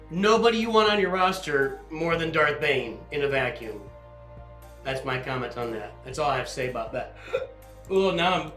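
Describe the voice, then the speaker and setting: A man with a high, pushed, bright voice hosts a casual livestream as a guild leader, rambling and apologizing as he reads chat questions and answers them aloud. The room sounds echoey, with faint music.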